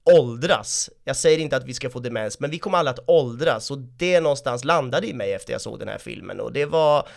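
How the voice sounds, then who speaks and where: A young man in casual podcast chat about a film. He rambles, restarts his sentences and laughs at his own remarks. His voice sits at an ordinary middle pitch. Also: expressive, gravelly, hardly any pauses. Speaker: podcast co-host.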